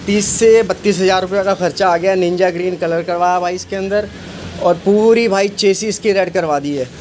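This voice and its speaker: This bike shop owner and channel host has a high-pitched, darkish voice and a moderate pace as he casually walks the camera around his outdoor repair shop. Boastful and talkative, he keeps saying "bhai" and calls everyone "bro" while showing off his work. He stays off screen behind a phone camera, with a noisy street and traffic audible behind him.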